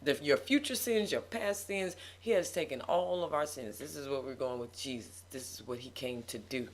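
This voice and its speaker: A woman in casual conversation about faith, talking with animated, preacher-like emphasis and frequent laughter. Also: a bass voice, moderate pace.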